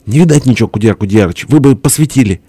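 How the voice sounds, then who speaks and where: A man's voice: medium pitch, expressive, fast, mellow, breathy edge, no room sound, pitched above the performer's own voice. A man voicing a simple, eager young man in an audiobook, plain and a bit sulky. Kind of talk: audiobook character voice.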